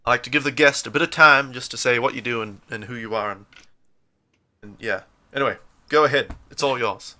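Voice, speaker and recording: Quick, bright New Zealand man. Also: mid-range voice. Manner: jokey, animated storyteller. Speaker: podcast host. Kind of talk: casual podcast chat.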